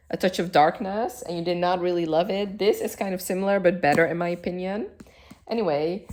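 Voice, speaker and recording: Young woman vlogging from her couch, low voice, rambly and chatty, lots of ums. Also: darkish tone. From Iraq, raised in the Netherlands. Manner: chatty, rambling, lots of fillers and self-corrections. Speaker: book vlogger. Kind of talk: casual chat to camera. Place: at home on a couch.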